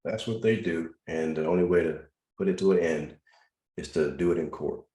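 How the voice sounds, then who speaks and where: A man with a very low, deep, mellow voice hosts a live video-call class, answering callers' questions at a moderate pace. He's instructive and repeats his advice with emphasis, and the roomy sound carries a noticeable echo.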